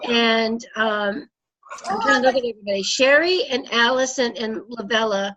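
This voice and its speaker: A woman's voice: on the high side, moderate pace, a bit bright. A middle-aged woman leading a team meeting over a video call, congested from a cold and rambling with many fillers. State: congested, sick. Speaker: team leader. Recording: dull lo-fi call audio with faint noise.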